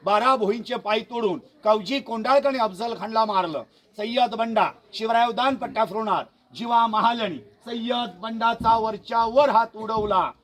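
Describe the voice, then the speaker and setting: A man's voice: sits high, normal speed, few pauses, a bit bright. A man guiding a school group around a hill fort outdoors, telling history dramatically, repeating words for effect and asking the crowd questions. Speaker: fort tour guide.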